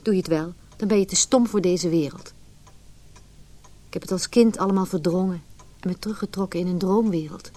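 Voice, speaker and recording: In a Dutch radio play, an actress voices an anxious, wounded, introspective married woman looking back on her lonely childhood. Her voice sits lowish and sounds warm and natural, and she speaks a little fast.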